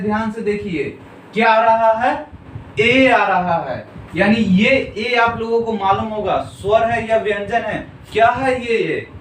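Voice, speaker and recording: A male teacher giving a classroom grammar lecture, drilling the students with repeated questions and coaxing them to answer. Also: sits high. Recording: echoey room, far from mic, noisy.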